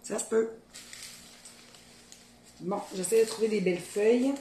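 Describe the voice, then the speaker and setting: A woman's voice: medium pitch, unhurried, mellow, a little hiss or hum. Chatty Beauce Québécois woman in an echoey kitchen. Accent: Beauce Québécois French. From Beauce, Quebec. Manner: chatty, thinks aloud while working, colloquial Québécois speech. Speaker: cooking video host. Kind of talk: casual cooking demo chat. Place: home kitchen.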